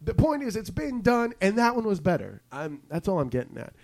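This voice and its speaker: A man's voice: high voice, huge pitch swings, brisk, gravelly, a little mellow, no room sound. A man hosting a podcast in casual chat, rambling and joking, acting out lines from ads. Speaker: podcast host.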